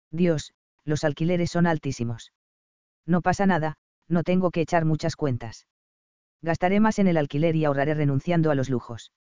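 A man calmly narrating an audiobook of a romance novel. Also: on the high side, clear, resonant tone, dry recording. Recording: dull, dry audiobook recording.

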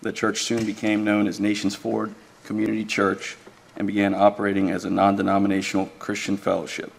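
A man speaking as an attorney, giving a measured, deferential, formal oral argument in a courtroom. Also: fairly low pitch, completely flat delivery, gravelly, husky. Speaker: attorney arguing an appeal.

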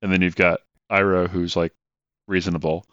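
Smooth man on a dull lo-fi mic. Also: deep voice, little pitch movement, normal speed, a bit bright, no echo. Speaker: podcast co-host. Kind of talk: casual chat.

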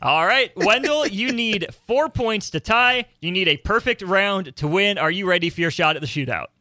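Bright-voiced man hosting a radio quiz. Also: high-pitched, animated, no room sound, clean studio sound. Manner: quick, playful quizmaster banter. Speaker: radio sports show host. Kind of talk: radio trivia game hosting.

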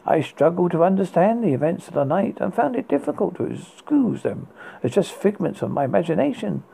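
A horror host reads dark gothic tales in a raspy, gravelly, sing-song voice of medium pitch. The delivery is dramatic but halting, with stumbles and repeated words.

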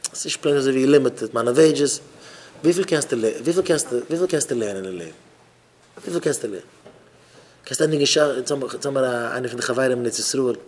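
Rabbi repeating himself to students. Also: male voice, on the high side. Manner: repetitive, questions listeners by name. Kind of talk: informal Shabbat gathering talk.

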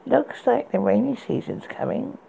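Guy doing a scary enchantress lady, cool and slow, higher voice, kinda gravelly. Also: very animated, mellow, slight background noise, heavily acted, poor audio. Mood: murmuring. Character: cold menacing enchantress, ageless woman.

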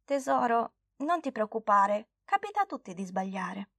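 A woman voicing a serene old grandmother in a storybook, speaking softly and calmly to reassure a child. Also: on the high side, moderate pace, creaky, husky, no room sound, heavily acted. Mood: soothing. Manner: soft, calm and reassuring.

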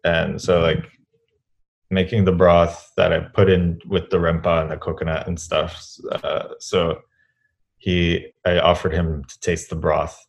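A man chef telling an anecdote in an interview, halting and restarting as he goes. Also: deep voice, little pitch movement, creaky. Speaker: chef and guest. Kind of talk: casual interview.

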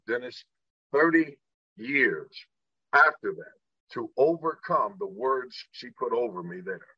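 A man's voice: mid-range voice, bright, forceful tone, breathy edge, no echo, lo-fi sound. A middle-aged man from Indiana, a guest telling his life story earnestly and acting out the people in it. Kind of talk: personal storytelling in an interview.

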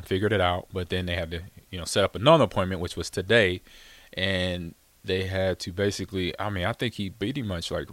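A low-voiced man hosting a casual talk show, rambling through a story with plenty of fillers and easy laughter. The sound is dry and close, with no room in it. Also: fairly bright tone, no echo. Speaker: show host, former football player. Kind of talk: casual chat.

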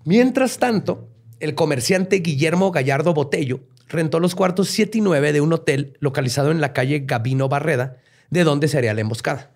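A podcast host with a Mexican accent tells a history story casually, packing it with slang, swearing and jokey asides. His voice is a little high with a darkish tone, and he speaks fairly quickly.

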